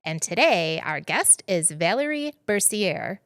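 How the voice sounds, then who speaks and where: A woman's voice: fairly low pitch, sing-song, unhurried, fairly bright tone, no room sound. A woman hosting a podcast interview in a studio, upbeat and welcoming in a chatty, casual way. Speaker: podcast host.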